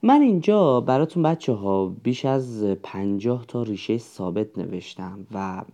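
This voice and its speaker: A man's voice: on the low side, expressive, warm tone. A man teaching a spoken language lesson, patiently explaining step by step and reading out word lists one by one. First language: Persian.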